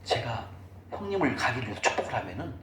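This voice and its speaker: A man's voice: mid-range voice, big pitch swings, fast, bright, forceful tone. A middle-aged man giving a church finance lecture. He talks sermon-style and keeps asking the audience questions. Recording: echoey room recording with faint noise.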